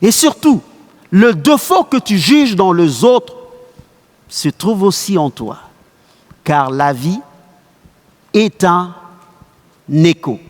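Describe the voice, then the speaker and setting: A man voicing a calm, wise father who speaks to his daughter in a slow, solemn, measured way. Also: high voice, big-room sound, heavily acted. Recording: background music.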